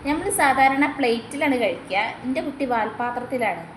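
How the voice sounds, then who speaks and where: High-voiced young mother coaxing her toddler. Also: lively intonation, a little fast. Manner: coaxing, sing-song questions to a small child. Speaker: mother and vlogger. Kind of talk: casual home vlog, chatting with her toddler. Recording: roomy home recording with background noise.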